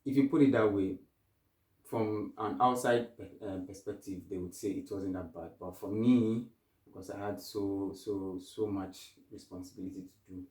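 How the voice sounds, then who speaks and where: Young Ghanaian man, low voice, rambling guest answers, roomy and off-mic. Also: steady tone, normal speed, a little mellow, far from the mic. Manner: thoughtful, rambling with restarts. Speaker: interview guest. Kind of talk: casual interview.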